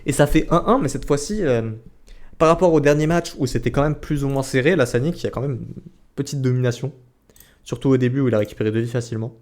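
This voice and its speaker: A male esports caster with a mid-pitched voice gives live play-by-play of a game. He talks in casual slang, throws in exclamations and mutters words over and over when it gets tense. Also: quick pace, a little mellow. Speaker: esports caster commentating a tournament stream.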